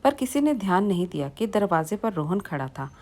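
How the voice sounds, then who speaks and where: A woman telling a moral family story at a steady pace. Her voice is middling in pitch, plain and even in delivery. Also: fairly quick.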